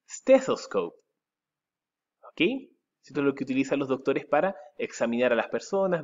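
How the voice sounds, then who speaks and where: Slow, lively Chilean teacher, lo-fi. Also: male voice, medium pitch. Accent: Chilean Spanish. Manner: spells words letter by letter, repeats them slowly with rising stress. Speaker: English teacher. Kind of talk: recorded vocabulary lesson for pupils.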